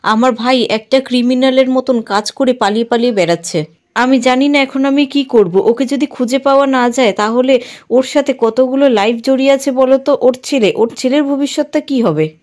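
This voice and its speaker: A woman's voice: high-pitched, normal speed, darkish tone, natural voice. A woman reading the lines of a worried male doctor torn between two women, with hardly any change from her own voice. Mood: troubled. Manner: plain read-aloud dialogue, barely acted.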